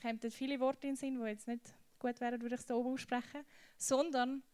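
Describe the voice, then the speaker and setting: Young woman, youth preacher, slightly high voice, lively and casual. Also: fast, clear, resonant tone. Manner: lively, slangy storytelling.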